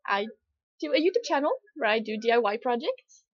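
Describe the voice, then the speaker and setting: A woman with a Swedish accent, co-hosting a casual podcast chat, giggly and animated between phrases. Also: fairly high pitch, a little fast, no echo, dull audio. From Sweden. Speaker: podcast co-host.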